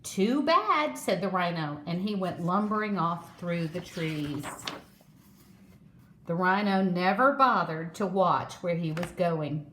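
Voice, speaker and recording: Lady reading a kids story real slow, echoey room. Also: on the low side, a bit bright, a little hiss or hum. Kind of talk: children's story read aloud.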